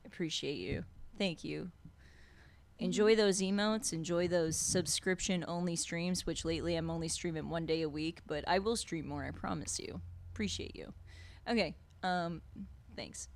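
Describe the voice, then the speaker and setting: A woman game master chats through a live-streamed tabletop session. She is loose and self-deprecating, with plenty of fillers. Her voice sits a little low. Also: normal speed, gravelly.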